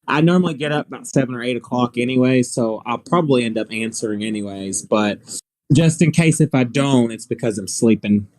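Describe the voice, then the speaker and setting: Man, casual weather-stream co-host; chatty, rambling, quick to laugh, mid-range voice, dry close mic. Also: medium pitch, a little mellow, no room sound. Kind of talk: casual on-air chat.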